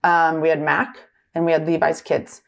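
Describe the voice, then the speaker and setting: A middle-aged woman speaks as an interview guest in a slightly low voice. Her talk runs fast and loose, stitched together with "like" and tag questions such as "right?". She sounds like someone explaining her own work in conversation. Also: little pitch movement, creaky. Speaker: retail executive guest.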